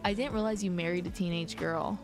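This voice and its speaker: A woman's voice: lowish voice, fairly even intonation, a little fast. A woman live-streaming a cozy game, chatting casually and rambling with lots of "like"s. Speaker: gaming streamer. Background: game background music.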